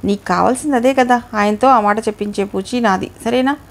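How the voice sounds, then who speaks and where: A woman's voice: a little high, a little fast, vocal fry. A woman voicing a scheming, pushy middle-aged man in a storybook reading, lecturing and pressing. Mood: insistent.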